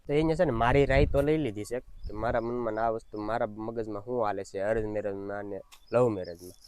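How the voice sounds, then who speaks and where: Fast-talking young man giving advice. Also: lowish voice, darkish tone, clean tone, no room sound. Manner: explains with homely examples and advice. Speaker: vlogger. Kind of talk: casual chat.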